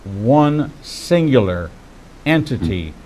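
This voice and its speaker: Older guy hosting a faith talk, slow n measured, sermon-ish rhythm. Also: medium pitch, very animated, a little mellow, slight background noise, rough recording. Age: 60s. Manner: measured, preacherly phrasing. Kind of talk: faith-based interview conversation.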